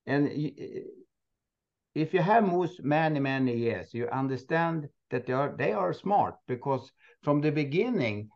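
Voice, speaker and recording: A Swedish man who owns a moose park, speaking halting, non-native English with many restarts and frequent laughs in a casual interview. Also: fairly high pitch, lively intonation, a little mellow, muffled recording. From Sweden. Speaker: moose park owner, guest.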